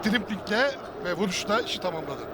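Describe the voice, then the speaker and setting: A male football analyst comments on the match in a high voice. His phrasing is hesitant and broken by pauses, with loud noise around him. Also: expressive. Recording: loud noise, slightly distant voice.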